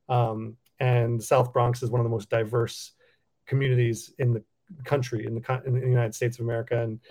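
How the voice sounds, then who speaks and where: Flat-toned reflective man from Cameroon. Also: mid-range voice, creaky. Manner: reflective, many ums and restarts. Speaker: nonprofit CEO, podcast guest. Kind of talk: casual interview answers.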